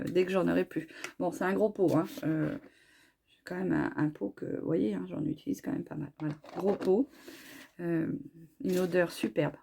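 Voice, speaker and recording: A middle-aged woman with a hoarse voice from a cold, chatting casually about her hair products with many fillers and restarts. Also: lowish voice, a little mellow, a little hiss or hum. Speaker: beauty vlogger.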